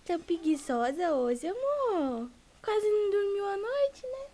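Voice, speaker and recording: A young mother gently coaxing her baby awake in soft, sing-song baby talk. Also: very high-pitched, sing-song, takes it slowly. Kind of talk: home video baby talk.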